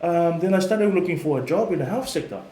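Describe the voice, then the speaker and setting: A man, a relaxed and chatty podcast guest who uses many fillers. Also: a little high, fast talker. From Samoa. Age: 30s. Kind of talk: casual podcast chat. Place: studio room. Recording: echoey room.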